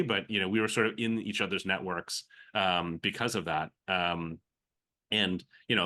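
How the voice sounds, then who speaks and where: A low-pitched, sharp-toned man in his forties speaks as a venture capital guest in a conversational podcast interview. Born in the Philippines, he has an American accent. He muses reflectively, often restarting and using fillers.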